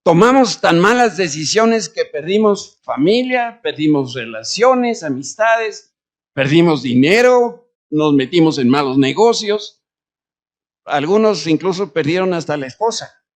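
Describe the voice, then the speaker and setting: Male pastor, sermon delivery, high pitch, rhetorical and shifting in volume. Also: animated, unhurried. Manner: preaching with rhetorical questions and shifts between loud and quiet. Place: church.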